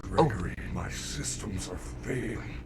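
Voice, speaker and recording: An actor playing a gentle, protective animatronic bear robot in a video game, speaking in a formal, measured and courteous way. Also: male voice, fairly low pitch, animated, loud music behind the voice. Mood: weakened, urgent. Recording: noisy game capture.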